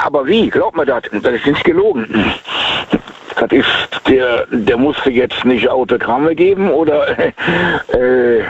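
Guy phoning into a radio show from his car, muffled line, halting and full of ums. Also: medium pitch, a little hiss or hum. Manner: hesitant, halting, many fillers. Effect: heard over the phone. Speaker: radio call-in caller. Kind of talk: casual call-in chat. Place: sitting in a car.

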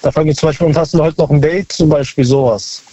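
A man's voice: on the high side, steady tone, fast talker, dark tone. A young man from near Cologne calling in to a radio show over the phone, talking hesitantly with many fillers. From Germany, near Cologne. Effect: voice heard over a phone line. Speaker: caller. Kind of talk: call-in radio chat. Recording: dull, dry phone line.

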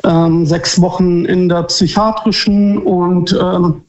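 A man calling in to a radio show, speaking slowly and hesitantly with many pauses. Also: high-pitched, little pitch movement, a little mellow. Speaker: caller. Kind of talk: phone-in call. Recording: dull echoey phone line.

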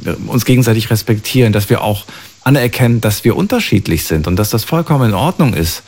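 A man hosting a conversational interview, asking calm, probing questions. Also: lowish voice, fast talker.

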